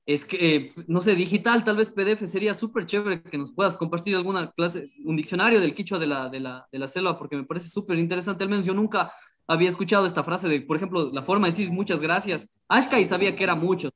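Man, enthusiastic student on a video call, bit high. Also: fast, fairly bright tone. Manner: curious, enthusiastic. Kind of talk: asking questions in an online class.

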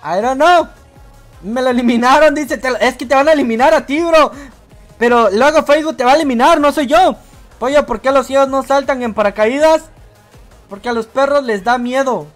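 High-voiced Guatemalan woman streamer. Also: normal speed, soft background music. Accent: Guatemalan Spanish. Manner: playful, teasing, keeps saying "bro". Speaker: livestream host. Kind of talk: casual livestream chat reading viewer jokes.

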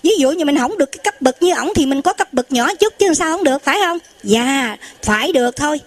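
A woman's voice: sits high, expressive, fairly quick. A woman telling a folksy Buddhist sermon story, animating the people in it. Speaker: Buddhist lay preacher.

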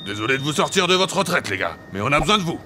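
A man voicing a grave little rodent military commander who gives urgent, solemn briefings in an animated parody. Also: on the high side, rapid-fire, noisy background.

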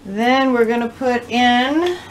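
Slow, chatty woman cooking in her kitchen. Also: a little high, noisy background. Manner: chatty, walks through each step aloud. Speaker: cooking show host. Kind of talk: casual cooking demonstration. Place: home kitchen, indoors. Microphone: camera a few feet away. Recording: distant camera mic with kitchen clatter.

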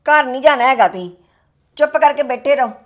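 A woman's voice: animated, quick pace. A woman playing a stressed young wife worried about household debt, talking sharply and complaining. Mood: defensive. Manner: sharp, complaining, then weary and low. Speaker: daughter-in-law character.

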